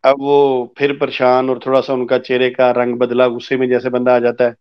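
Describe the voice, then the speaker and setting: A man's voice: mid-range voice, smooth. A man telling a long personal story as an interview guest, acting out the other people's lines as he goes. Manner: animated storyteller who acts out quoted dialogue. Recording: muffled lo-fi audio.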